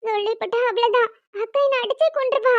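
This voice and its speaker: A woman voicing a naive, timid young female college student in an animated story, talking in a hesitant, stammering, pleading way. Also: very high voice, fast, no room sound, muffled recording.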